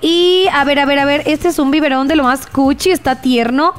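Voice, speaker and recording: A woman's voice: sits high, fairly even intonation, moderate pace, faint music behind. A young woman giving bubbly, gushing commentary on a mobile game, using many diminutives and talking straight to her viewers. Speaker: gaming YouTuber.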